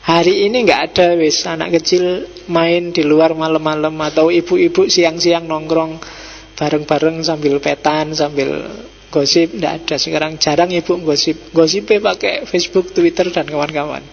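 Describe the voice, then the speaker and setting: A man's voice: fairly high pitch, fairly even intonation, moderate pace, gravelly. Man, Javanese accent, middle-aged, casual mosque lecture, long hall reverb, lo-fi. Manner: chatty, teasing, slips into Javanese asides. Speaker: philosophy lecturer. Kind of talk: relaxed Islamic study-circle lecture. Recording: dull echoey hall recording with faint hum.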